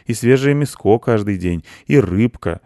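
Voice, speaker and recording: A man's voice: on the low side, animated, measured pace, warm tone, no room sound, studio quality, voice pushed up. Man doing a boastful red village tomcat. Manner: rough, folksy and boastful.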